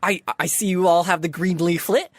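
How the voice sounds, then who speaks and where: A woman's voice: lowish voice, steady tone, fairly quick, no room sound, clean studio sound. A woman voicing a perky, bubbly female sphinx who helps at a convention. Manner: bubbly, eager to help.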